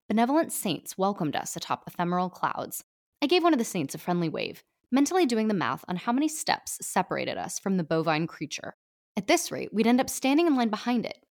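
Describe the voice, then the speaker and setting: A woman narrating a short story in an expressive, playful way. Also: medium pitch. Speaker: reader.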